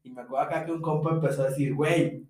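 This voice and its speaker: This young Mexican co-host speaks very fast in a fairly high, steady, slightly mellow voice with a Mexican Spanish accent. Casual and slangy, he laughs as he tells a vacation story and acts out his friends' words, far from the mic in an echoey room.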